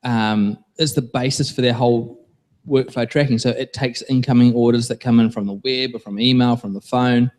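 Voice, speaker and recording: A man with a New Zealand accent, a guest explaining his software idea, earnest and repeating words as he goes. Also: mid-range voice, steady tone, normal speed. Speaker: guest business owner. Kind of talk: explaining a product.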